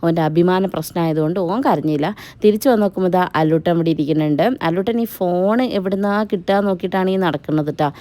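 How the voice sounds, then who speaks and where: A woman's voice: on the low side, fast, mellow, no room sound. A young woman, narrating a family wedding vlog in a chatty, teasing voice-over that speaks straight to viewers. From Kerala. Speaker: family vlogger. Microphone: voice-over mic.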